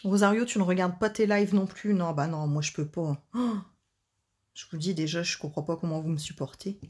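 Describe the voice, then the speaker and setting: A woman's voice: lowish voice, a little fast, a little mellow, slightly rough. A woman hosting a casual live card-making demonstration, chatting and joking with her viewers as she works.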